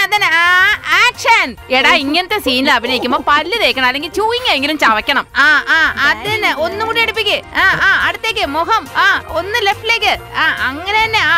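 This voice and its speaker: A woman's voice: very high-pitched, pushed and bright, exaggerated voice. A woman playing a bossy senior woman who teases and directs a mock romantic scene. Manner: bossy, teasing.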